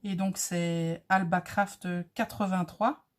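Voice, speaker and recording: Slow, chatty woman teaching a craft. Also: fairly low pitch, fairly even intonation. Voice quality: speaks with a light accent. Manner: chatty, friendly, talks viewers through each step. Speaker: craft tutorial host. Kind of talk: casual crafting tutorial.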